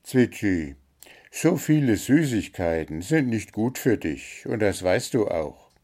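A man voicing a grumbling male Christmas gnome who scolds gruffly. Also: on the low side, very animated, takes it slowly, darkish tone, heavily acted. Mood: scolding.

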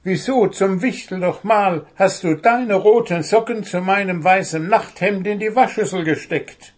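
A man voicing a fussy, grumpy male gnome in a storybook reading, loud, shrill and indignant. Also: measured pace.

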